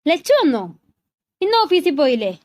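An affectionate young man who teases at first and then turns serious and protective, voiced by a woman reading a love story. The voice sits fairly high, and the sound is dry and close. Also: big pitch swings, moderate pace, darkish tone, no room sound. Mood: concerned.

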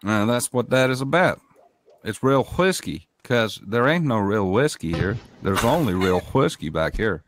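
A man's voice: on the low side, expressive, measured pace. A man in a western roleplay, bantering in a folksy, drawling way. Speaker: roleplay player.

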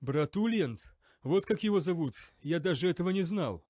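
A frightened young knight , as a male reader puts him on, pleads and protests in a strained, high voice. His lines rise sharply as he insists on his innocence. The audiobook recording sounds close and dry. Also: expressive, normal speed, a little mellow, no room sound. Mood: pleading, anxious. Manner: desperate, protesting, raising his voice.

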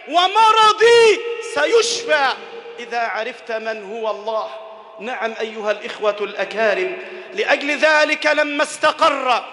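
A man with an Egyptian Arabic accent delivers a Friday sermon in a strikingly high, bright and forceful voice. He repeats words for emphasis and moves between soft lowered passages, loud shouted climaxes and chanted scripture. The sound is roomy, with a long reverb tail as in a large mosque. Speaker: preacher. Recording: echoey hall with long reverb.

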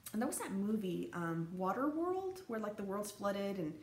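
A young woman lectures on anthropology at college over slides, casual and rambling, with fillers and restarts throughout. Her mid-range voice is a little mellow, with big pitch swings and a moderate pace. Echo and faint background noise are audible.

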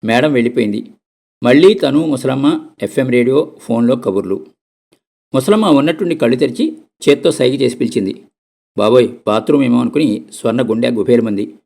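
A man narrating a short story, reading aloud in a steady, conversational way. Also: mid-range voice, brisk, vocal fry. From Andhra Pradesh.

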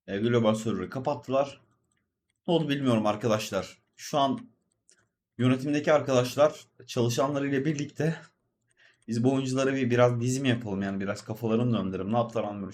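Chatty young male gaming host, mid pitch, rambling commentary aimed at viewers. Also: a little mellow. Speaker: gaming video host and streamer. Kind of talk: casual gameplay commentary.

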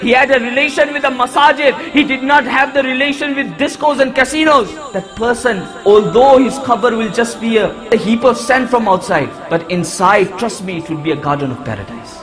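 A male preacher gives an impassioned sermon in a very high-pitched voice. He speaks quickly and drives his points home with repeated phrases and rhetorical questions. Music plays clearly behind him. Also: sharp tone. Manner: rhetorical questions and emphatic repetition.

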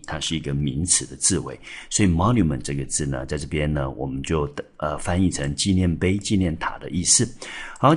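A man's voice: a bass voice, husky. A male English teacher from Taiwan explaining exam vocabulary step by step, spelling words out letter by letter. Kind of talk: exam-prep vocabulary lesson. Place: school classroom or studio.

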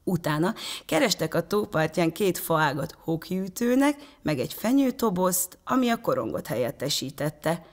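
Speaking from a prompter's box, a theatre storyteller, a woman with a lowish voice, reads aloud a children's story at a calm, measured pace.

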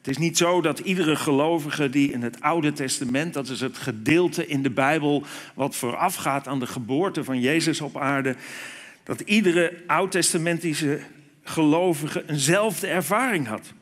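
A man preaching a sermon, speaking deliberately and lifting his voice on key words. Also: on the high side, a bit bright. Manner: slow, deliberate, with emphatic rises on key words.

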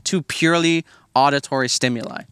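A young man co-hosting a podcast outdoors, debating quickly and joking into a handheld mic. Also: medium pitch, fairly bright tone, smooth, no echo, clean studio sound. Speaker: podcast co-host. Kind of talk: casual argumentative chat. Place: outdoors by a river.

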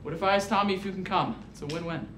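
A man's voice: high voice, rapid-fire, fairly bright tone. A young man playing a teenage basketball player who wants to fit in, talking in a stammering, apologetic way. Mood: pleading. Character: teen basketball player, torn, eager to fit in. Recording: roomy echo, faint noise.

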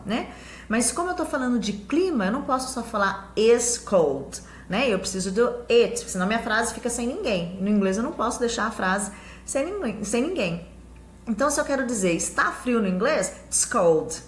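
A Portuguese-speaking woman teaching an English lesson in a chatty way, checking in with her viewers often. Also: a little high. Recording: echoey room with faint hum.

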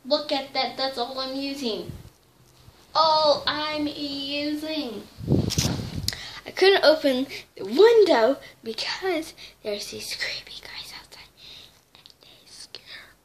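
A young teen girl with a high voice talks slowly and casually to her camera, held close, in a small dim bedroom. As a vlogger she rambles and corrects herself as she goes, with slight background noise audible.

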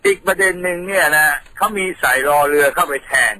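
A man's voice: high-pitched, fairly even intonation, a little fast, pushed and bright, slight background noise, rough recording. A man from Thailand, a radio guest patiently explaining things in a studio, telling them like a story.

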